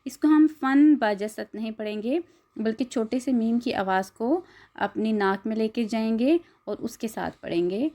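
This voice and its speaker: A woman's voice: on the high side, unhurried, mellow. A woman teaching a Quran recitation lesson step by step, spelling out syllables, drawing out the recited words and asking listeners to repeat after her.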